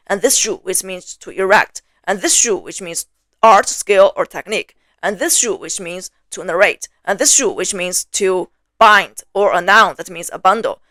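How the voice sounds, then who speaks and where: A woman's voice: medium pitch, a bit bright, dry recording. Dry-voiced Chinese-accented woman teaching Mandarin. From mainland China. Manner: patient, methodical, demonstrating tones by example. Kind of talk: explanatory lesson to camera.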